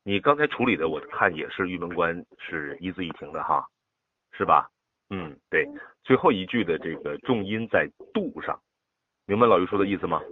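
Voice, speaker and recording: A man teaching a child to recite a poem over a phone call, patient and drawing words out slowly to demonstrate. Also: low-pitched, expressive. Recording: tinny phone line.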